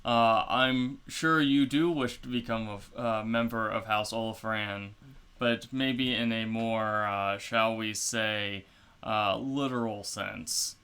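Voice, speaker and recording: A man's voice: on the low side, fairly even intonation, takes it slowly, pushed and bright, clean tone, exaggerated voice. A man voicing an amused older male noble who heads a house, speaking in a wry, teasing, lordly manner.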